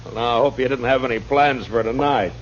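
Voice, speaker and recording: A man playing a steady, dry-spoken frontier marshal in an old radio drama. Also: medium pitch, brisk, background noise, close to an everyday voice. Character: calm, tough frontier lawman, grown man. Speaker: lead actor as U.S. marshal. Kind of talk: 1950s radio drama acting. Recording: muffled old radio broadcast.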